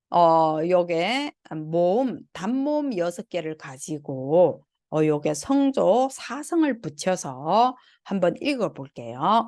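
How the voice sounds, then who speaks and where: Recorded with no room sound, this woman's voice is on the low side and a little mellow. As a Chinese language instructor in an online lecture, she patiently walks through Chinese tones one step at a time, sounding out syllables to show each tone.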